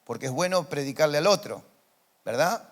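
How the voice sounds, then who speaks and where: Rioplatense male pastor, high voice, impassioned sermon delivery with big swings in loudness. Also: expressive, moderate pace. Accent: Rioplatense Spanish. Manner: impassioned preaching, swinging from soft to loud declarations. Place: church.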